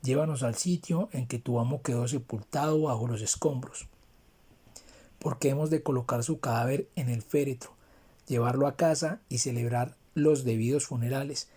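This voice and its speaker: A mourning mistress of the house from an old tale, voiced plainly by a male reader, solemn and commanding as she gives orders. The voice keeps the reader's own middle pitch. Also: normal speed, dark tone, slightly rough, natural voice.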